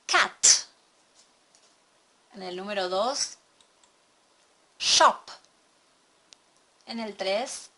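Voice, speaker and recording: Woman, English teacher, slide lesson, clear bright tone, patient step-by-step explaining. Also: mid-range voice.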